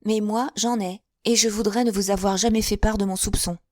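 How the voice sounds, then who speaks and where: A woman voicing a proud, clever young lady who speaks in a hushed, urgent murmur. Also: mid-range voice, fairly even intonation, brisk, dry recording, pitched above the performer's own voice, natural voice.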